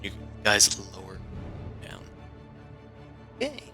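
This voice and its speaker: A man's voice: fairly low pitch, huge pitch swings, slow, creaky, sharp tone, soft background music. A man narrating a tabletop role-playing game as game master in a casual, improvised, conversational way.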